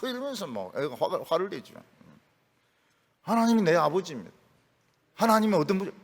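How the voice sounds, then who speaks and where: A man preaching a sermon as a pastor, animated, folksy and humorous. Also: high voice, normal speed, in a large hall.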